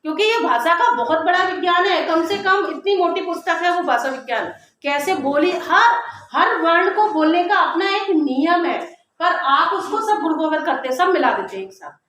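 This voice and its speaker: A woman teacher giving a classroom grammar lesson, explaining step by step and slowly sounding out letters to demonstrate. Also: very high voice, animated, a bit bright. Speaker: Hindi teacher. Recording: very echoey classroom with faint noise.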